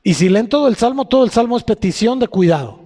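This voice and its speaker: Mexican preacher in a reverberant hall. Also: male voice, high-pitched, expressive, dark tone. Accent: Mexican Spanish. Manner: asks the congregation questions, reads scripture slowly and drawn out. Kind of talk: sermon. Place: church hall.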